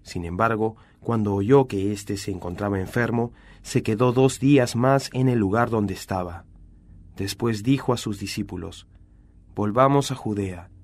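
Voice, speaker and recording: Man giving a steady scripture reading. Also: lowish voice, normal speed. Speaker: Bible reader.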